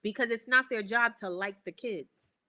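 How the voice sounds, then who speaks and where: A woman's voice: fairly high pitch, moderate pace, bright, forceful tone. A woman hosting a podcast, talking in an emphatic, playful and slangy way. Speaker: podcast host. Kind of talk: casual podcast chat.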